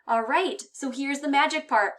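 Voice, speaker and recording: A high school math teacher with a high, fairly bright voice teaches at a normal speed, speaking slightly raised. She goes through each step patiently and plainly and reminds her students of things often.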